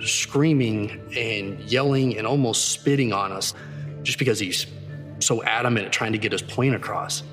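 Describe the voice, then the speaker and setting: A man, an investigator, urgently retelling how he questioned a suspect, replaying the dialogue quickly. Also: on the low side. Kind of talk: interview recollection. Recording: long reverb with music behind.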